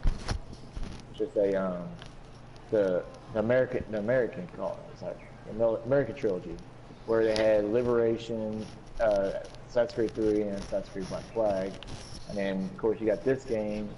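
A young man chatting casually on a gaming podcast, his voice mellow and dark in tone. He rambles, restarting sentences and filling gaps with "uh" and "like". A faint hiss of noise sits under the recording. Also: on the low side, fairly even intonation, normal speed. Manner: rambling, many fillers and restarts. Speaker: podcast co-host.

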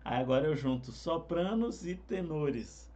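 A man's voice: a little high, a little slow. Man teaching harmony singing. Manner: relaxed, conversational teaching with fillers. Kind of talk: explaining vocal harmony with sung examples.

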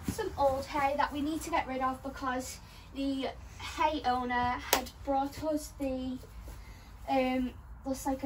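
A young woman giving a casual tour of a horse barn, chatty and rambling, filmed on a phone. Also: high voice. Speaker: vlogger showing her barn. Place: outdoor horse barn and stables. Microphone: phone camera held nearby. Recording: phone video with background noise.

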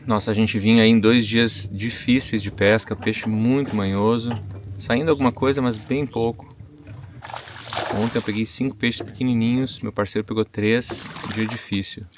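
A man with a Brazilian Portuguese accent chatting casually to camera about his fishing day, relaxed and upbeat, recorded outdoors on a river boat. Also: lowish voice, moderate pace. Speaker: fishing vlogger. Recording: outdoor recording with steady background noise.

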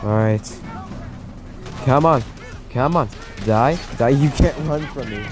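A man commentating his own war-shooter playthrough, joking and rambling and yelling repeated taunts at enemies. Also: mid-range voice, slow, over music, a crowd in the background. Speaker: gamer playing a war shooter. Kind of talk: let's play commentary. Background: game soundtrack and gunfire.

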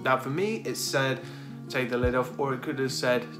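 A man in his thirties who hosts paranormal videos talks to camera casually and hesitantly, his mid-range voice at a moderate pace. He's indoors in a dark room, with guitar music playing behind his voice.

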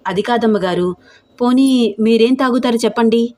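Give me a woman playing a humble older house maid with a soft voice. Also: a little high, normal speed, natural voice. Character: older loyal female house maid, hurt.

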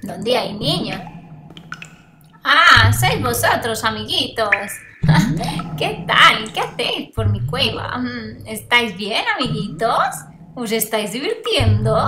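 A woman's voice: on the high side, big pitch swings, slow pace, pitched below the performer's own voice. A woman voicing a sly old cackling witch in a puppet story for children. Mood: sly, gleeful. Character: cackling old witch, sly, brewing spells in her cave. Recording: roomy echo, music behind.

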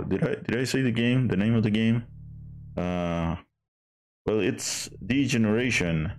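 A man's voice: sits low, darkish tone. A man streaming a game in casual chat, hesitant with many fillers and restarts.

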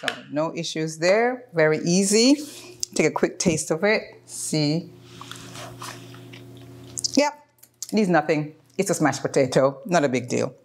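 A woman in her fifties talks through a home cooking demonstration in her kitchen. Her voice sits low, and she chats easily as she works, with plenty of ums and restarts. The camera sits close in front of her. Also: expressive, unhurried, pauses often, a little mellow, a little hiss or hum. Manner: chatty, explains as she works, frequent ums. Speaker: cooking channel host.

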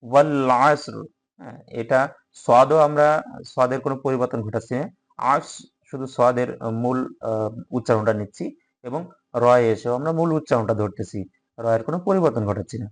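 Patient man teaching recitation slowly. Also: mid-range voice. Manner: patient, repeats each word slowly for learners to follow. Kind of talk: step-by-step recitation lesson. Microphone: microphone.

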